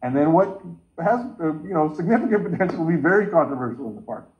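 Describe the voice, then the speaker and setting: A man's voice: on the high side, lively intonation, fast. A man in his forties chairing an online meeting from a home room, talking earnestly and gesturing with his hands. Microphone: video call. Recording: dull lo-fi sound from a laptop.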